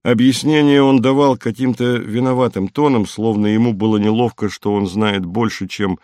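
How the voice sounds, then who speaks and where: A man narrating an audiobook at a steady, measured pace. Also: fairly low pitch, dry recording, studio quality. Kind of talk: audiobook reading.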